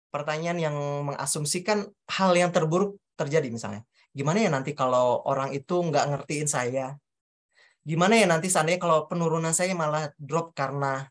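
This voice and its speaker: At a coaching talk before a live audience, a woman with a low voice leads a workshop about self-questioning. She speaks straight to the crowd, acts out example questions, and restarts hesitantly while she explains.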